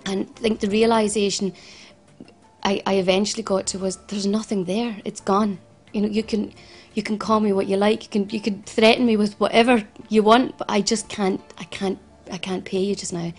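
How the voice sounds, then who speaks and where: A Scottish woman from Glasgow, founder of a financial advice service, shares her own account in an interview, earnest yet halting, tripping over and repeating words. Her husky, mid-range voice holds level with little rise and fall while soft music plays faintly underneath.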